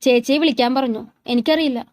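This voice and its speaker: A sweet, innocent young woman who talks earnestly and worries over the people she cares about, voiced by a woman reading a story. Her voice is high, and the sound is dry. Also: fast talker, dry recording, natural voice. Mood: worried.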